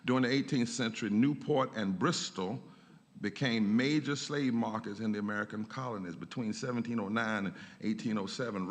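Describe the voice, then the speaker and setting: A man, a pastor, giving a lecture in a church, emphatic and rising in pitch on key points. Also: fairly bright tone. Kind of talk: lecture with a preaching cadence. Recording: long church reverb.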